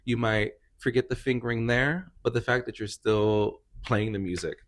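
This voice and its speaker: A man's voice: mid-range voice, fairly even intonation, normal speed. A man hosting a podcast interview in a casual, upbeat way, laughing often and talking with loose fillers. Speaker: podcast host. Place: indoor healing practice room.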